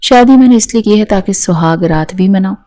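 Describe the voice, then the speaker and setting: A spiteful young husband snarls his threats, as a woman reads him aloud in a storybook. The voice is mellow and dark in tone, yet scornful and hard. It stays at an ordinary middle pitch. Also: close to an everyday voice. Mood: angry.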